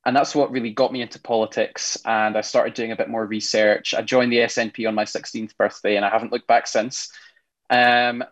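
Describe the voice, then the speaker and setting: A man's voice: mid-range voice, level tone, fairly quick, a bit bright. A young adult man, a council candidate, giving confident, lightly joking panel answers.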